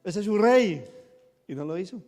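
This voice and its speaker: A man preaching a sermon as a pastor, with sudden loud bursts of emphasis and quick acted asides. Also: sits high, animated, in a large hall. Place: church hall.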